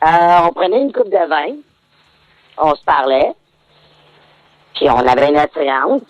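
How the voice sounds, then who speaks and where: A man's voice: a little high, big pitch swings, measured pace, dry recording. A man calling in anonymously with his voice electronically modified to hide who he is. He speaks with a Québécois accent and talks hesitantly, drawing his words out. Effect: electronically modified voice to disguise him. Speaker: anonymous caller. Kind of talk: confession on a radio call-in. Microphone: phone line. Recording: muffled phone-in through a voice changer.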